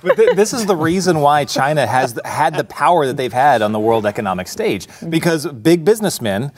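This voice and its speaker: A man's voice: fairly high pitch, big pitch swings, a little fast, dry recording. A man, the show's chief researcher, earnestly explaining his point in a casual studio discussion.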